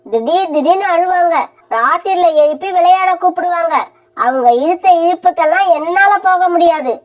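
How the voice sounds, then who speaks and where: Brief: woman as a high-voiced, sharp-tongued cartoon mother crow, scheming and harsh. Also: normal speed. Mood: mocking. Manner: sharp-tongued, scolding, threatening. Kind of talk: cartoon voice acting.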